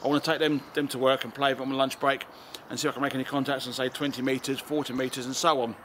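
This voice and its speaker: Out in a garden and up on an open high spot, a man in his forties with an English accent casually presents an amateur radio video, filmed on a camera or phone at roughly arm's length. He talks fast in a flat, slightly bright mid-range voice, with outdoor ambient noise around him.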